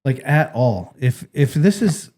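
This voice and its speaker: Man, middle-aged, podcast co-host, casual chat, mellow tone, animated storytelling. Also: medium pitch, measured pace. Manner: animated storytelling, acts out quotes.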